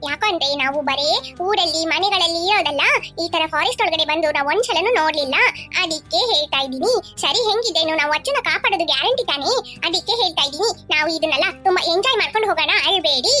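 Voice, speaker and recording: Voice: very high voice, lively intonation, quick pace, bright, forceful tone, exaggerated voice. A performer voicing an upbeat cartoon girl comforting her crying sisters in a forest. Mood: encouraging. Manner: encouraging, chirpy. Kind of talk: cartoon voice acting. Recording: music playing behind.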